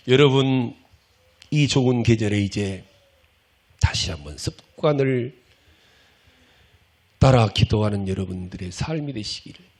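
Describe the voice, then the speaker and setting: Middle-aged male pastor, sermon; fervent, folksy, scolding, gravelly edge, swooping pitch. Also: darkish tone. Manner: impassioned preaching, acts out prayers and pleas; folksy, scolding, conversational with the congregation.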